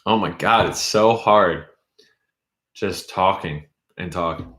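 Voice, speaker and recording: In an echoey room with a noisy background, a young YouTube host speaks slowly in a low-sitting voice. His casual live-stream chat is loose and rambling as he reads out viewer comments. He's losing his voice and says so.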